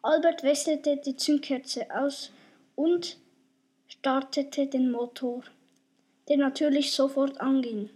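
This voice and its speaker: A woman narrating a homemade radio play in a lively, chatty way, turning to the listeners now and then. Her voice is high and mellow. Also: slow pace.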